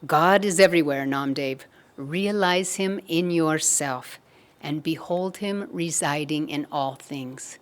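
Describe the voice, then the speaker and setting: A woman voicing an old, eccentric male guru who speaks slowly and serenely in a told story. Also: low voice. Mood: solemn. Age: older.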